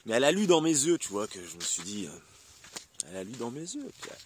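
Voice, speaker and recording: A French vlogger talks to camera in a casual spiritual monologue, loose and rambling and packed with fillers. His voice is medium-pitched and husky, his pace brisk, and his pitch swings widely.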